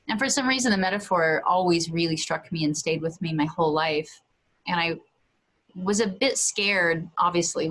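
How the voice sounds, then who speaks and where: A woman's voice: lowish voice, fairly bright tone, rough recording. A woman guest telling a personal story earnestly, sometimes acting out a talk with her young son. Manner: earnest, acts out dialogue with her son in a raised voice. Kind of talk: reflective storytelling in conversation.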